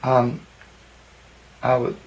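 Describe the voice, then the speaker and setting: A man calling a customer helpline, talking casually in a hesitant, halting way on the phone. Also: mid-range voice, completely flat delivery, muffled recording.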